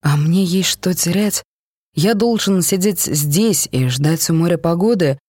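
Edward is a young man torn by rage and grief, his lines snapped out in sharp outbursts, as a storybook reader plays him. The voice sits at a middling pitch and is recorded close and dry, with no room sound around it. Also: measured pace, dry recording, lightly acted. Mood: angry. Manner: outbursts of anger. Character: angry young man desperate to find his twin.

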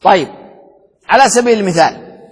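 High-voiced man teaching in a reverberant hall. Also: expressive, a little fast, breathy edge. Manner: asks rhetorical questions and answers them himself; repeats key points for emphasis. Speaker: Islamic jurisprudence teacher. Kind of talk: classroom lecture explaining a text.

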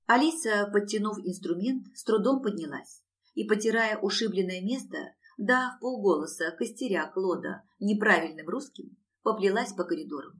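A woman's voice: medium pitch, a bit bright, recorded from a distance. A woman reading a fantasy novel aloud as an audiobook, giving the characters voices as she goes. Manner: reads with acted character voices. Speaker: audiobook narrator. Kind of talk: scripted narration of a fantasy novel.

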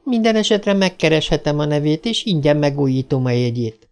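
Man voicing a young woman librarian, polite, helpful, raised pitch. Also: smooth, natural voice.

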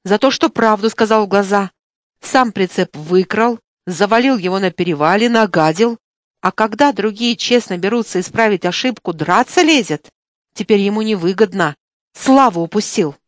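A woman reading an audiobook, voicing a sly, needling male truck driver who jeers in a shrill, wheedling voice. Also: normal speed, no echo, clean studio sound, lightly acted.

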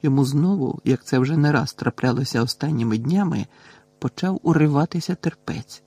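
A man reading a novel aloud with steady storytelling. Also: mid-range voice, fairly quick, slightly rough, no echo. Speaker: audiobook narrator. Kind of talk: audiobook narration.

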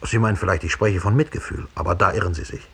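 In a 1960s German radio drama, an actor voices a proud, cold former Nazi killer who confesses with deliberate disdain. His low male voice is gravelly and husky with a slightly bright edge, a full character performance that feels cold and detached.

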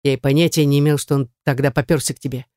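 A woman's voice: rumbling low, steady tone, very fast, dark tone, no room sound. Brief: menacing young ex-boyfriend, icy, taunting, read by a woman narrator, audiobook, dry. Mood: contemptuous. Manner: icy, contemptuous, threatening.

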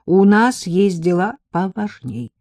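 Woman voicing a calm, curt young heroine. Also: mid-range voice, slow pace, dry recording, clean studio sound, pitched above the performer's own voice. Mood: firm. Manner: patient, curt, firm.

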